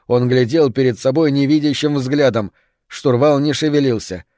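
A man reading a novel aloud as an audiobook, with even, measured storytelling. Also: medium pitch, no echo, studio quality. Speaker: narrator. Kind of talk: audiobook narration.

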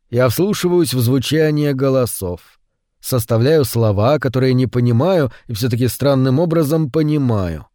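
Hushed brooding male story narrator. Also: mid-range voice, no echo, clean studio sound. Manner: slow, hushed and brooding, with louder acted quotes. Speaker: audiobook narrator. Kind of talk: scripted narration of a short story.

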